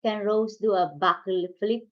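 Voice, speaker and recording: A woman's voice: mid-range voice, steady tone, slow pace. A woman from the Philippines with a Filipino accent, chatting casually with viewers as co-host. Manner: chatty, thanks viewers warmly. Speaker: channel co-host. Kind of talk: casual live chat with viewers. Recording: dull lo-fi stream audio.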